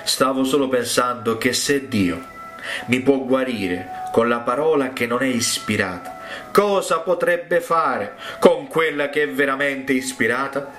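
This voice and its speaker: A man's voice: mid-range voice, unhurried, a bit bright, soft background music, natural voice. A man voicing a simple, faithful old mother. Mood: wondering.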